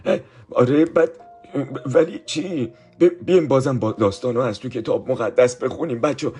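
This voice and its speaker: A man's voice: medium pitch, darkish tone, slightly rough, soft background music. A man telling a Bible story to children, explaining each verse again in simple words and often turning to the children with asides.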